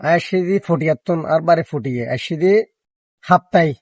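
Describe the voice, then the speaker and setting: Slightly high-voiced man, Chittagong Bengali accent. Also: normal speed, a little mellow, dry recording. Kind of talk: casual street chat.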